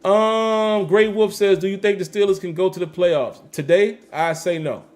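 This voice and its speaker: Brief: male stream host, casual sports talk, emphatic and repetitive, slightly higher voice, faint music bed. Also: moderate pace, a little mellow. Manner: emphatic, repeats phrases, slangy. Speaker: host reading live chat. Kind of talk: casual livestream commentary.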